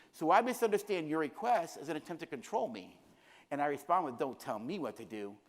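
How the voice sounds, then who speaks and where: High-voiced man lecturing in a hall. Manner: earnest, repetitive emphasis. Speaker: conference presenter. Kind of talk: conference lecture. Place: conference hall. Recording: long hall reverb.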